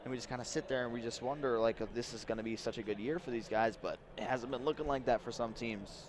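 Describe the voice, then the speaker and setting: A man breaks down a competitive shooter match in easygoing, slangy commentary. His voice sits at an ordinary middle pitch. A faint background hiss runs beneath it. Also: quick pace. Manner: relaxed analytical chat, casual slang. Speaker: esports color commentator. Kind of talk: live esports commentary.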